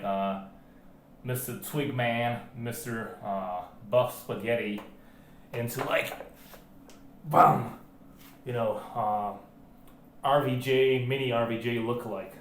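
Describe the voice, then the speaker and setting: A man vlogging casually about his home arm workout, rambling with many fillers and restarts. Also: lowish voice. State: out of breath. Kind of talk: casual filmed chat. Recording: roomy home recording, faint background hiss.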